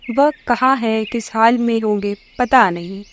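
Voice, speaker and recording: A woman's voice: on the high side, measured pace, lightly acted. A woman voicing an anxious young sister in a cartoon story, worried and uneasy.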